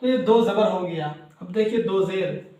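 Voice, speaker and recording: A man's voice: high-pitched, moderate pace, mellow, very echoey, highs cut off. A man teaching Quran reading, patiently explaining and repeating syllables one by one for learners. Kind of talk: slow step-by-step recitation lesson.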